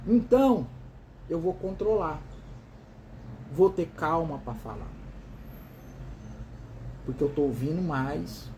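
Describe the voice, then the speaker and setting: With a fairly high pitch but a dark tone, a man with a Brazilian Portuguese accent hosts a motivational series, stressing ideas through runs of repeated words. He asks and answers his own questions, calls the listener "dear," and there's slight background noise.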